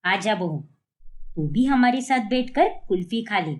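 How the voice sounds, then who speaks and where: Woman acting cartoon mother-in-law, older, lowered voice, scolding, lively. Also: measured pace, natural voice. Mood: homely. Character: older mother-in-law, fussy but kindly.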